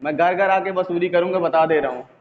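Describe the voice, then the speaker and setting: A man's voice: sits high, brisk. A male physics teacher running an online class from his phone, chatting and jokingly scolding students. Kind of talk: online class, casual teasing. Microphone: mobile phone. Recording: echoey, tinny phone line, faint noise.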